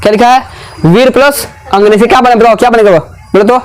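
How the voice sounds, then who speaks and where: A man's voice: very high voice, brisk. A man teaching a grammar lesson in a classroom, asking questions again and again and repeating the answers.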